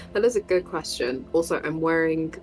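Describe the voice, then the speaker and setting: A woman's voice: low voice, sing-song, unhurried, darkish tone, low-quality recording. A woman playing a tabletop role-playing game, chatty and giggly, rambling a little as she thinks. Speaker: player. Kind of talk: casual tabletop play.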